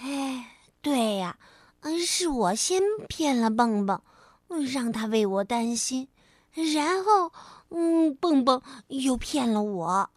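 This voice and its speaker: A woman's voice: high-pitched, animated, slow, no room sound, clean studio sound, heavily acted. A woman voicing a cheeky little frog in a children's story, stammering and giggly. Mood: thoughtful.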